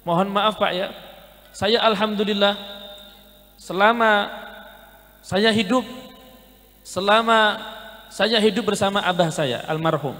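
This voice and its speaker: A man's voice: sits high, fairly bright tone, big-room sound. A male Islamic preacher, giving a conversational sermon and telling stories while addressing the men listening.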